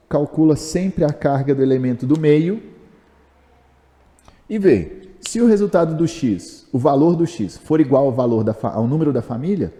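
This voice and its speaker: A man's voice: a little high, dark tone, in a large hall. A Brazilian man teaching chemistry in a chatty video lesson, asking himself questions and answering them, with jokes at his own expense. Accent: Brazilian Portuguese. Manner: jokey and self-mocking. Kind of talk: video lesson explaining step by step.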